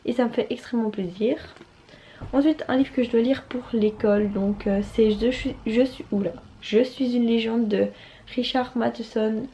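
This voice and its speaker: Young woman, casual book vlog chat, mellow tone, faint background noise. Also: fairly high pitch, fairly even intonation, normal speed. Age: young adult. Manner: chatty, many fillers and restarts. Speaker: book vlogger; student.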